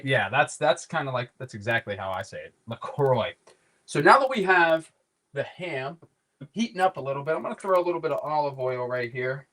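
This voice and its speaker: A man from around Pittsburgh hosts a laid-back live cooking session at home, wandering through his talk and cursing offhandedly. His voice sits on the high side and has a fairly bright tone.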